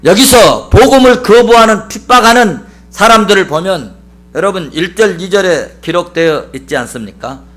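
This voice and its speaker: A male pastor delivers a sermon in a high voice that swoops up and down with lively emphasis. He presses his points through repetition and rhetorical questions. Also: moderate pace.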